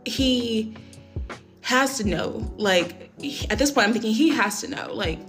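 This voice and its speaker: A woman's voice: fairly high pitch, animated, measured pace. Candid woman telling a story over music. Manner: candid, profane and rambling, many fillers. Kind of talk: casual storytime.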